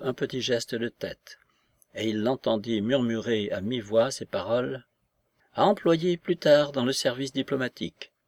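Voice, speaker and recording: Male narrator, literary audiobook, measured delivery, mid pitch, dry close sound. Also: no room sound. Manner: even, measured reading.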